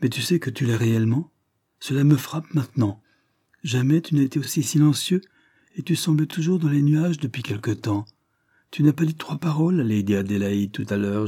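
A man voicing a chattering young woman, a lord's sister, with a twittering little voice that gushes on without pause. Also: mid-range voice, warm tone, breathy edge, voice pushed up, lightly acted. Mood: scolding.

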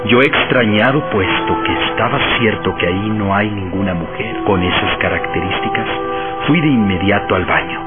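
Actor as an animated, suspenseful male storyteller. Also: lowish voice, natural voice. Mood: grave, suspenseful. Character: earnest male professor telling an eerie ghost story. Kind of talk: radio horror drama acting. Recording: tinny narrowband radio drama under loud music.

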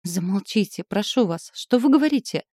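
A woman's voice: mid-range voice, fairly quick, dark tone, no echo, clean studio sound, lightly acted. A woman reading the lines of a flustered, indignant young noblewoman, raising her voice above her narration. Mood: pleading. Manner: pleading, then sharply indignant. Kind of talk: audiobook character reading.

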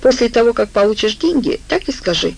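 Sly persuasive woman, soothing and scheming, gravelly low voice from a woman reader. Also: very animated, fairly quick, exaggerated voice, low-quality recording. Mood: coaxing. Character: cunning, coaxing manipulative woman schemer.

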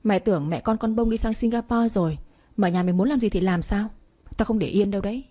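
A woman's voice: mid-range voice, fast talker, mellow, natural voice. A woman doing a blunt, nosy village aunt. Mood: stern. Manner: blunt, scolding, prying. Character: stern, nosy middle-aged village aunt.

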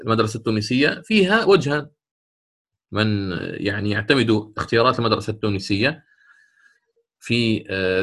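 A man teaching a Quran recitation lesson, explaining patiently, repeating key points, checking that students follow, and chanting quoted verses slowly. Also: mid-range voice, fairly bright tone. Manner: hedging, checks understanding with "tamam?". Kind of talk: online tajweed lesson.

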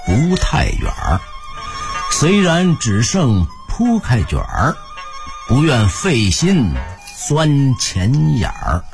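Beijing dude reading rhymes slow, voice goes way up and down, soft music under. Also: male voice, mid-range voice. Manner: relishing, sing-song recitation, addresses listeners as 您. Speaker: radio host. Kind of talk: slow radio commentary and recitation.

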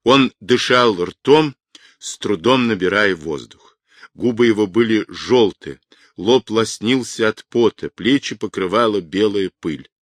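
A man narrating a literary novel in a measured, dramatic reading voice. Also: on the low side, lively intonation, no echo, clean studio sound. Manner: measured, dramatic reading that rises for quoted shouts. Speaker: audiobook narrator.

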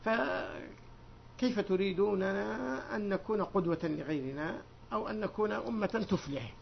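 A man teaching as a sheikh, reading narrations aloud in a raised voice, then explaining them to his students in a lower conversational tone and putting questions to them. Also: normal speed, creaky, slight background noise. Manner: digressive, asks the students questions. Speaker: sheikh teaching a hadith book. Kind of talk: classroom lesson reading and explaining texts. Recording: dull lo-fi lecture recording.

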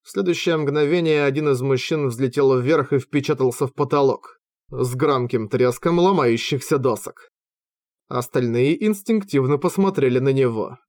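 Measured male audiobook narrator. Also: mid-range voice, darkish tone, dry recording, clean studio sound. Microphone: close microphone, home recording.

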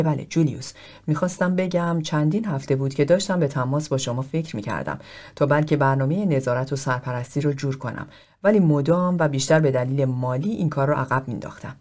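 A man's voice: on the high side, a little mellow, close to an everyday voice. A man reading the part of an aloof philosopher who talks in a formal, blunt, lecturing way.

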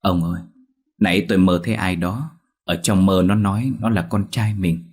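A man's voice: sits low, fairly even intonation, moderate pace, a little mellow, slightly rough. A man voicing a frightened old village mother, tearful and pleading, in a ghost story.

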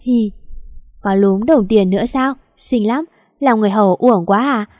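A woman's voice: medium pitch, moderate pace, darkish tone, no echo, studio quality, lightly acted. A woman voicing a stylish, doting rich mother in her forties who gushes with cooing praise. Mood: gushing.

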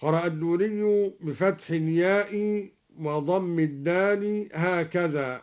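A man explaining Quran readings on the radio in a measured way, chanting each example between his explanations. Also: high voice. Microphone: broadcast studio microphone.

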